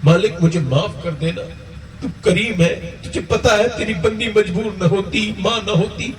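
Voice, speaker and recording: A man's voice: high-pitched, crowd noise, close to an everyday voice. A man voicing a desperate pleading mother. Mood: tearful prayer. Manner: tearful, pleading. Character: desperate poor mother pleading for her hungry children. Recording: echoey hall, distant mic.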